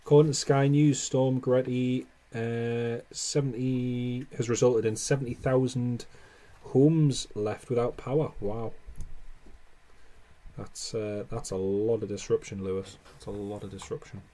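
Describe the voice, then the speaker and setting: Man, mid-pitched, dark relaxed tone, casual live stream host, chatty commentary. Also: unhurried.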